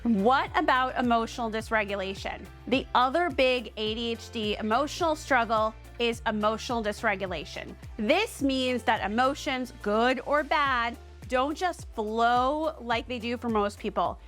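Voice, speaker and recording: A woman's voice: on the high side, measured pace, fairly bright tone, soft background music. A woman from Cape Cod with a Boston accent, hosting a chatty, emphatic talk straight to the camera. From Cape Cod, Massachusetts. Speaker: host. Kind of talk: casual direct-to-camera talk.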